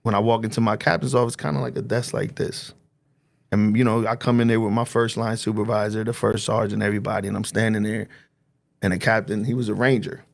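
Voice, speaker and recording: Brief: New man in his forties, gravelly voice, swears freely while acting out dialogue. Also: lowish voice, fairly even intonation, fast talker. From New Jersey. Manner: streetwise and profane, acting out dialogue. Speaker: guest. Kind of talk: casual storytelling.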